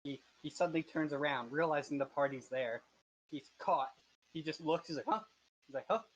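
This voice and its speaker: Brief: game master, hesitant and filler-heavy, somewhat high voice, dull lo-fi mic. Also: male voice, a little fast. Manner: hesitant explaining, many fillers. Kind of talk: running an online tabletop game.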